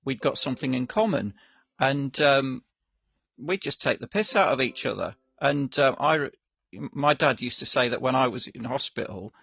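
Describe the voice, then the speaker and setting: A husky English man with a gravelly edge speaks bluntly and sarcastically in a casual podcast chat. His voice is dry and up close, with dull, lo-fi call audio. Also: medium pitch, lively intonation, fairly bright tone, no room sound. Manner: blunt, sarcastic, quick to rant. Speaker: podcast co-host. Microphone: computer on a remote call.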